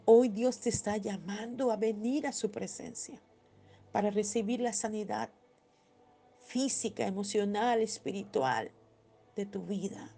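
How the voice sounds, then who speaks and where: A woman preaching a devotional sermon in a tender tone, slowing on scripture and crying out when she voices pleas. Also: mid-range voice, vocal fry. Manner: tender, rising to loud cries when voicing pleas.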